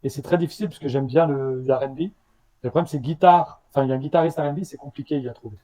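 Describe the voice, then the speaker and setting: A man with a slight leftover stutter, a startup founder answering interview questions in a halting way, with many restarts. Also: medium pitch, dark tone, low-quality recording. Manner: halting, with restarts and repeated words.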